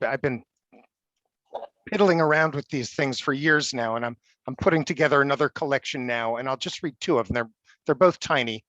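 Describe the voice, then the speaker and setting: A man's voice: mid-range voice, no echo, dull audio. A man poet who stammers and restarts as he talks, then reads his prose poems steadily over a video call. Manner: halting and stammering when talking, steady when reading. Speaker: poet and college faculty member. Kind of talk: poetry reading.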